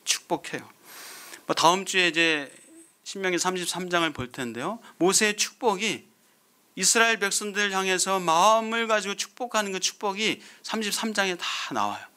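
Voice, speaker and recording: A pastor preaching a sermon, putting question after question to the congregation and repeating phrases for emphasis. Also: male voice, sits high, normal speed, pushed and bright. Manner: asks the congregation many rhetorical questions.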